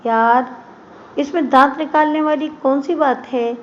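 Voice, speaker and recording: Chatty teasing young man read by a woman, high voice, slightly muffled. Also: steady tone, a little slow, a little hiss or hum. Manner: playful, talkative.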